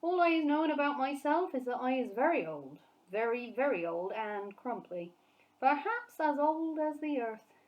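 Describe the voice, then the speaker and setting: A woman voicing a huge, very old, kindly male giant who talks slowly and muddles his words. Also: sits high, sing-song, voice pushed up, poor audio. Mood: earnest. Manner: slow, jumbled giant talk.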